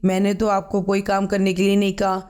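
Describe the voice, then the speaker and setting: A man's voice: high voice, completely flat delivery, fairly quick, darkish tone, smooth, lightly acted. A man voicing a stubborn proud young wife. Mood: dismissive. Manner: stubborn, dismissive. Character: proud pregnant young wife, later sorry.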